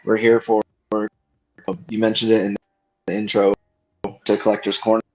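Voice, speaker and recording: A man talking casually as a guest while travelling, his audio cutting in and out at an uneven volume and his speech coming out in halting fragments. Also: lowish voice, completely flat delivery, darkish tone. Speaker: guest panelist. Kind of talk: casual chat. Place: travelling, on the move. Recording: dull, choppy mobile connection with faint music.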